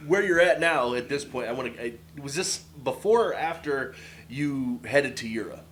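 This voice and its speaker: A man's voice: medium pitch, animated, normal speed, a bit bright, slight background noise. A man hosting an interview, mostly giving short agreeing replies and brief questions. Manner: brief agreeing responses and laughter. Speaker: host.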